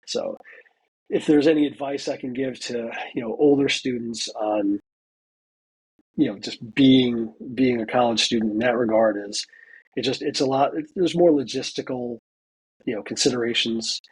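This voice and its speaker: A man's voice: medium pitch, expressive, normal speed, husky, rough recording. A man in his forties, a military veteran now in college, telling a story in a casual interview, with many fillers and acted-out quotes. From United States. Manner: chatty, lots of "you know" fillers, acts out quoted dialogue. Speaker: interview guest, veteran student.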